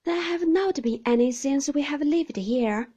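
A woman's voice: unhurried, dark tone, dull audio. Woman doing a trembling, timid young mother. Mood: nervous. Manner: trembling and high-strung. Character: timid, fragile young mother, easily frightened.

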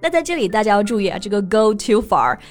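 A woman's voice: medium pitch, sing-song, quick pace. A woman co-hosting an English lesson in a casual, chatty way, explaining phrases with example sentences. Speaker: co-host of an English lesson podcast. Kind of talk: casual bilingual teaching chat. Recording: light background music.

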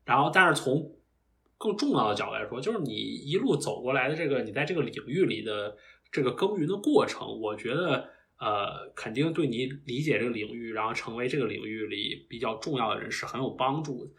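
A man's voice: mid-range voice, expressive, a little fast, gravelly, a bit bright. A young man, a recent PhD graduate, talking as a guest in a casual podcast interview, thinking aloud in a reflective, meandering way with frequent restarts. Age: young adult.

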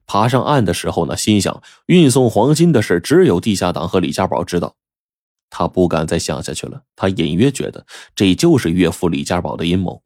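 A man telling a traditional serialized story in a chatty, animated way, turning to the listeners with asides. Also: sits low, brisk, no room sound, studio quality.

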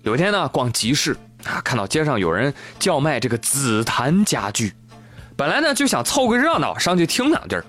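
A man's voice: a little high, very animated, fairly quick, a bit bright. A man giving comic news commentary full of Chinese internet slang, telling stories in an exaggerated, teasing, sarcastic way. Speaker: host of a comic news show. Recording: music playing behind the voice.

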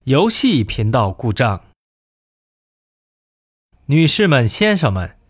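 Slow, lively-pitched male announcer. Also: no echo, studio quality. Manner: measured, formal announcement delivery in two languages. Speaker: language course reader. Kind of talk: reading in-flight announcements aloud.

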